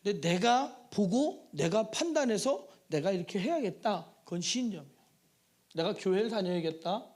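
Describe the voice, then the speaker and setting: High-voiced, animated Korean pastor preaching. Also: male voice, normal speed. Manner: emphatic, rhetorical questions, sudden shouts; acts out prayers in a pleading sing-song. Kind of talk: Wednesday evening sermon. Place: church sanctuary.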